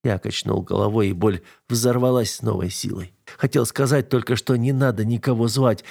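A man's voice: fairly low pitch, fairly even intonation, moderate pace, gravelly, darkish tone, no echo, clean studio sound. A man narrating an audiobook in the first person with tense, dramatic storytelling.

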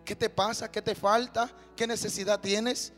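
A male pastor delivers a sermon from a church pulpit. His voice sits very high and rings bright and forceful, swelling into shouted calls and amens. Soft music plays faintly behind him. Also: flat delivery, moderate pace. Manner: preaching with rising shouts, call-and-response amens.

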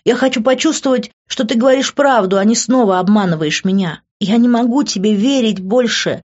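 A woman's voice: a little high, fairly quick, darkish tone, highs cut off, pitched above the performer's own voice, lightly acted. A woman reading an audiobook, voicing a heated, passionate young woman arguing with her lover in a raised, emotional voice.

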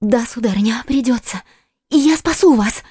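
A man voicing a devoted, eager young maid in a fervent, earnest falsetto for a storybook audiobook. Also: normal speed, darkish tone, husky, no room sound, clean studio sound. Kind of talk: audiobook character voice.

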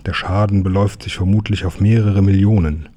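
A man voicing a chatty male tram passenger, speaking in a hushed, husky way. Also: sits low, steady tone, fairly quick. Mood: gossipy. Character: chatty male passenger gossiping about a bank robbery.

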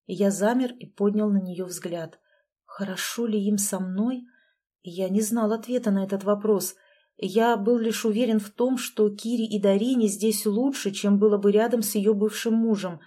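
Mellow woman reading a story. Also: mid-range voice, steady tone, moderate pace, slightly rough. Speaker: audiobook reader. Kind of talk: scripted narration.

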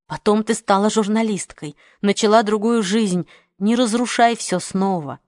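Woman voicing an older father, hesitant, pleading, lowered voice, dry close sound, audiobook. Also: normal speed, darkish tone, no room sound, natural voice. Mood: urging.

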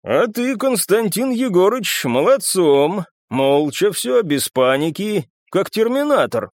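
Male reader voicing a hoarse older gang boss, prone to shouting. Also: sits high, very animated, slow, dry recording, voice pushed up, exaggerated voice. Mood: approving.

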